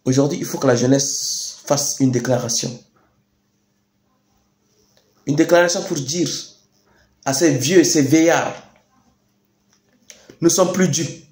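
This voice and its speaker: A young man speaks in an echoey space with a Chadian French accent. He delivers a rousing political address, deliberate and emphatic. He leans on repetition and rhetorical questions to drive his words home. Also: fairly high pitch, a little mellow. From Chad. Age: young adult. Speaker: youth activist speaker. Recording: echoey room sound.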